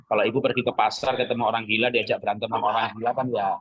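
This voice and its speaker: A man's voice: lowish voice, flat delivery, very fast, fairly bright tone, husky, low-quality recording. A middle-aged man preaching in a conversational, joking way, acting out quoted lines and prayers. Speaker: pastor. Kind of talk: sermon teaching.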